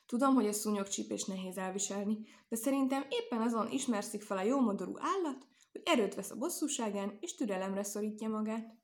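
A woman reading aloud and voicing a prim, proper mother sheep who is gently firm with her daughters. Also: mid-range voice, lively intonation, natural voice.

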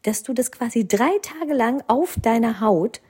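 A woman's voice: a little high, measured pace, warm tone, husky, pitched above the performer's own voice. A woman voicing her exasperated middle-aged mother lecturing her daughter in a reproachful tone.

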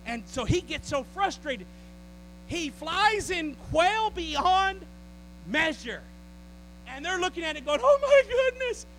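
A man preaching a sermon, swinging from loud declarations to low, joking asides with his congregation. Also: animated, slow, long pauses, slight background noise, low-quality recording.

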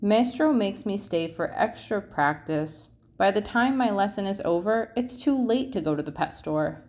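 A woman reading a children's picture book aloud expressively, with drawn-out phrase endings. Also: medium pitch, animated, darkish tone.

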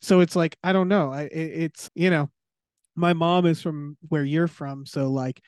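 A man's voice: fairly high pitch, steady tone, measured pace, a little mellow, no echo. Easygoing man guest, dry close voice. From Western Massachusetts. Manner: easygoing, short agreeing replies. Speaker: podcast guest. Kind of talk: casual chat.

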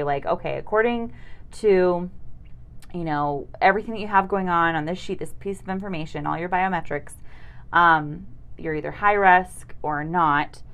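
A young adult woman co-hosting a podcast, talking candidly and with self-deprecation in casual chat, acting out the voices of people she quotes. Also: deep voice. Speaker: podcast co-host.

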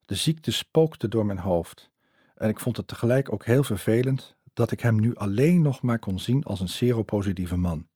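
A man's voice: fairly low pitch, lively intonation, moderate pace, dark tone, breathy edge, no echo, clean studio sound. A man reading a first-person memoir in a reflective, earnest way. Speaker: narrator.

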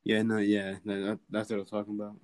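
A man's voice: fairly low pitch, completely flat delivery, fast talker, rough recording. A young man co-hosting a casual podcast chat, stammering and swearing as he talks. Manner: stammering, swears, laughs often. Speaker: podcast co-host.

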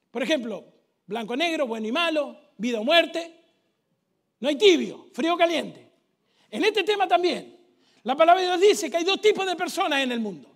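A pastor delivers a sermon in an unusually high, gravelly voice. He punches key lines with shouts and leans on joking stories. His delivery is emphatic and dramatic. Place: church.

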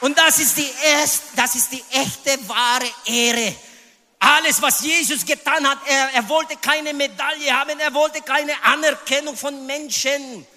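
A man in his fifties from the Philippines with a Filipino accent, preaching a sermon with emphatic, high exclamations. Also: steady tone, a little slow, bright, forceful tone, big-room sound. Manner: emphatic preaching, sudden high exclamations, sprinkles English phrases. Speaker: pastor.

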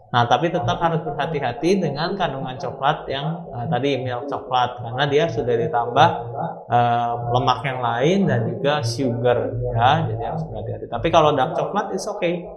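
A man's voice: medium pitch, moderate pace, highs cut off, over music. Echoey man explaining as a doctor. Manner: explanatory, punctuated with "ya" tags. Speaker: doctor answering audience questions. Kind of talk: informal expert explanation. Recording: echoey online call with background chatter.

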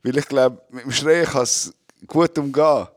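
A young man with a Swiss German accent hosting a casual podcast chat, joking, laughing often and shouting to act out his jokes. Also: medium pitch, normal speed, dry recording, studio quality. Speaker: podcast host.

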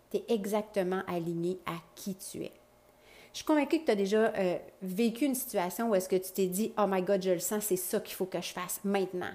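Middle-aged Quebec French woman, life coach, direct and lively, casual motivational talk. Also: mid-range voice. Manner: lively, direct, uses slangy expressions and English words. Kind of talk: motivational podcast monologue.

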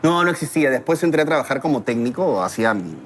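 A man talks at a quick clip, launching into animated anecdotes and acting out what others said in character. His pitch sits in an ordinary middle range. A faint hum of background noise runs under the recording. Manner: animated storyteller, acts out quotes. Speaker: guest. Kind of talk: casual chat.

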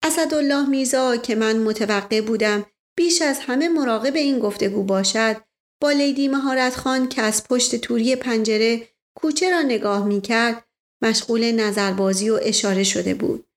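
A woman narrating a novel in a steady storytelling read. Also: fairly high pitch. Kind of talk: audiobook narration.

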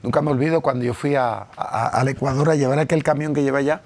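A middle-aged man preaching a sermon, telling his own story earnestly, with emphatic peaks and hushed asides. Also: medium pitch, steady tone, quick pace. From Puerto Rico. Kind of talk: sermon with personal testimony.

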